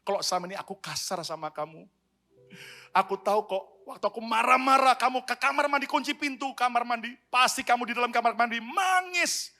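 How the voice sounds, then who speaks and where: A contrite husband pleads for forgiveness in a quick, earnest rush, as a male preacher acts him out. The voice is bright and a little high. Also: animated, full character voice. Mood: apologetic. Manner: pleading, apologetic. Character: remorseful husband apologizing to his wife.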